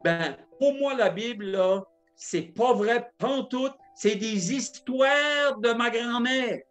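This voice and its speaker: Guy doing a cranky hungry settler, high and scoffy, loud. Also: slow pace, soft background music, exaggerated voice. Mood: scoffing. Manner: blunt, scoffing, raised voice. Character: gruff skeptical male settler, impatient, hungry.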